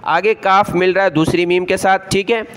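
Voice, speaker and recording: A man teaching Quran reading word by word. He chants each word slowly and spells out its letters and vowel marks, then explains quickly. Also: high-pitched, steady tone, fairly bright tone. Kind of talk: word-by-word recitation lesson.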